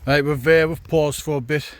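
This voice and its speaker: A hiking vlogger with a slightly high voice talks to the camera at a moderate pace with fairly even intonation, in a laid-back, wry way, as he walks a wet, windy outdoor trail. The sound is studio quality with no room sound and faint music behind, yet it is also described as a noisy, windy outdoor walking recording.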